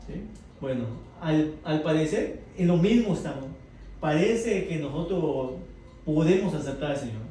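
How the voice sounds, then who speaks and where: Brief: warm, slightly high male Bible teacher, conversational, heard from far off in a roomy hall with faint noise. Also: animated, measured pace. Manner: asks the group questions, tags lines with "verdad?". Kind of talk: interactive Bible class.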